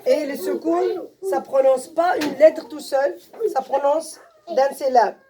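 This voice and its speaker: A woman teaching a language lesson, explaining syllables patiently with many pauses and checking that the class follows. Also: high voice, mellow. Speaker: Arabic teacher.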